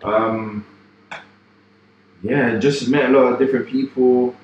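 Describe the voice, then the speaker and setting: A man's voice: mid-range voice, fairly even intonation, slow pace, a little mellow, lo-fi sound, a little hiss or hum. A young man co-hosting a podcast, chatting casually with jokey, rambling banter. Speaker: podcast co-host. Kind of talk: casual chat. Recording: echoey room.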